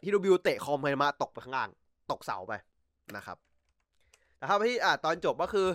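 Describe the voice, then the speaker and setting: A man hosting a casual podcast over a voice chat call, recapping episodes with lots of excitement, slang and swearing. His pitch swings widely as he talks. The sound is dry and close, with no room echo. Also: normal speed. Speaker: podcast host. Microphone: computer mic over voice chat.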